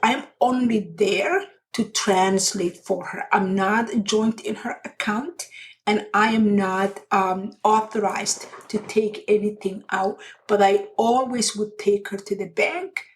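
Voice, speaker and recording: A middle-aged woman from Somalia, hosting a personal storytelling podcast in an earnest, unhurried way with pauses and restarts. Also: mid-range voice, steady tone, low-quality recording. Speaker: podcast host.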